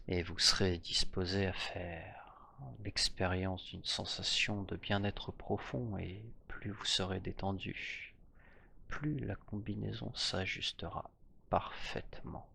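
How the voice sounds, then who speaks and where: A man narrating a guided hypnosis journey in a soft, slow voice that drifts into whispers. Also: low voice, gravelly, slight background noise.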